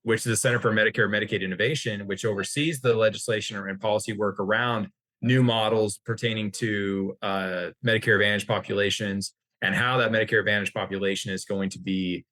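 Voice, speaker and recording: An American healthcare industry executive appears as an expert guest in an informal discussion, wordy and often rephrasing mid-sentence. His fairly low voice is brisk, pushed and bright, with fairly even intonation, in a dry recording.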